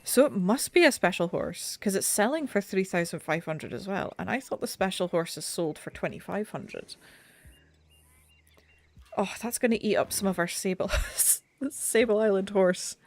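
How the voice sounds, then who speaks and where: Mid-range and slightly nasal, this streamer's voice has lively intonation and a moderate pace as she casually narrates her gameplay and makes fun of herself. Her desk mic is set a little back, with no room sound.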